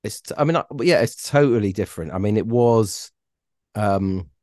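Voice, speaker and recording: Hesitant low-voiced man. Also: moderate pace, darkish tone, dry recording, clean studio sound. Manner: hesitant, many ums and restarts. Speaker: podcast guest, former radio reporter. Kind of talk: casual interview chat.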